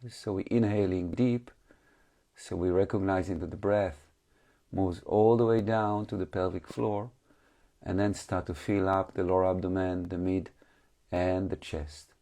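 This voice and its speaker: Guiding a meditation at a slightly slow pace, this teacher speaks in a deep, dark, relaxed voice with slightly non-native English phrasing. His calm instructions come in short phrases with long gaps between them.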